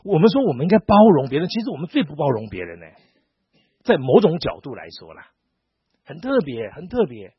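A man's voice: a little high, fairly quick, husky, dry recording. A middle-aged pastor from Taiwan, preaching a sermon and acting out dialogue as he tells stories. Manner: animated storytelling, acting out dialogue. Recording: dull lo-fi sound.

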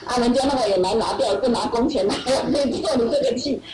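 Animated woman telling her testimony. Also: on the high side, fast talker, heavy background noise. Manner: animated, laughing often, acts out others' voices. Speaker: church member giving testimony. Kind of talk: personal testimony storytelling. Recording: echoey hall, far from mic, loud audience.

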